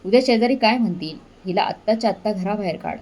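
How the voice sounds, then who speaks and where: A woman voicing a stern, quick-tempered older brother who speaks in a scolding manner. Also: mid-range voice, a little mellow, close to an everyday voice, poor audio. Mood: angry.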